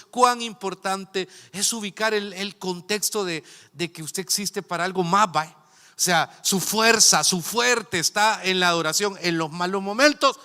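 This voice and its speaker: A Salvadoran pastor preaching in a fairly high, bright, ringing voice that stays smooth and resonant. He talks to the congregation in a folksy, conversational way, full of asides and rhetorical questions. His words carry a long reverb from a large church hall. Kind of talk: sermon. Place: church sanctuary.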